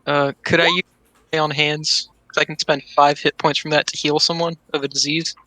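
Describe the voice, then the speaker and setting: A man playing a tabletop game, speaking loudly and eagerly. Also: fairly high pitch, flat delivery, moderate pace, dry recording, low-quality recording. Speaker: player. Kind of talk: casual tabletop play.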